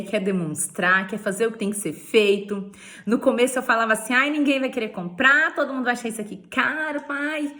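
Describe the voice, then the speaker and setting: A Brazilian woman, a beauty sales director, tells the story of her sales career in a personal testimony vlog. Her voice sits on the high side with a fairly bright tone, and her Brazilian Portuguese delivery is playful, full of laughter and lines ending in "né?".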